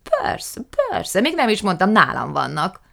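A woman's voice: mid-range voice, wildly swooping pitch, gravelly, pitched above the performer's own voice, heavily acted. A woman reading an audiobook, voicing an indignant, blustering middle-aged man who rants theatrically. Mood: breezy. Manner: loud, theatrical ranting.

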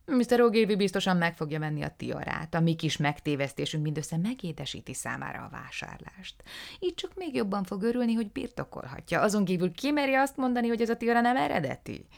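Lady doing a sly little old dealer guy, high and loud, gushy and flowery, voice jumps around. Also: big pitch swings, vocal fry. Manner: gushing, flowery and exclaiming. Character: fussy little older male art dealer, sly and theatrical.

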